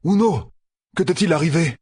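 A stubborn, worn-out young lord, as a male audiobook reader puts him on, pressing with urgent questions. The voice sits well above the reader's own and is very husky and breathy. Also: on the high side, expressive, moderate pace, a little mellow, no room sound, clean studio sound, pitched above the performer's own voice. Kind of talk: audiobook character voice.

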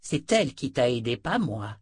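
A woman's voice: a bass voice, sing-song, moderate pace, breathy edge, no echo, heavily acted. A man reading aloud, voicing a curt and hostile sorceress in an audiobook. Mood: scornful. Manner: curt, scornful. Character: cold, scornful sorceress woman, curt and hostile.

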